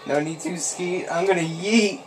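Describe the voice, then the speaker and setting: A man's voice: high-pitched, moderate pace. A young man chatting casually and swearing while playing a video game on a couch indoors. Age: teens or young adult. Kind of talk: casual gameplay banter with swearing. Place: small room indoors on a couch. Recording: noisy room recording with game audio.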